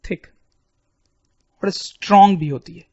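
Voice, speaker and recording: High-voiced man teaching, dull dry sound. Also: unhurried, dark tone, no echo. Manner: repeats key terms, keeps addressing students. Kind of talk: biology lesson over diagrams.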